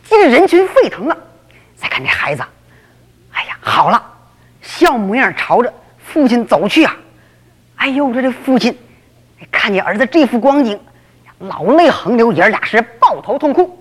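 Telling her tale in the old oral style, a woman storyteller is lively and exclamatory, full of interjections. Her fairly high, slightly breathy voice rises and falls a great deal, and everything rings in a long reverb.

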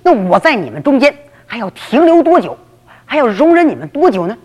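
A woman voicing a calm, authoritative male teacher who rebukes and reassures. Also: sits high, fairly quick. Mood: stern. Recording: long reverb.

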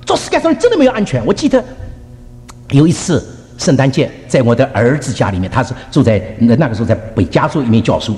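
An older man preaching, telling family stories in an animated, chuckling way and acting out quotes, with English words mixed in. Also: medium pitch, quick pace, long reverb tail. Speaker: pastor. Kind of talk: sermon with personal stories.

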